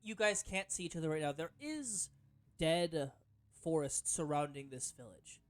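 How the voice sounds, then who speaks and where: A man's voice: fairly high pitch, lively intonation, normal speed. A man narrating as game master of a tabletop game, rambling with many fillers and self-corrections.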